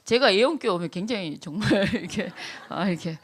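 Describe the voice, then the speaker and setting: A middle-aged woman, a pastor's wife, giving a lively testimony talk, acting out the people in her stories and laughing often. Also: mid-range voice, a little fast, noisy background. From South Korea. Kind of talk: testimony talk at a training event.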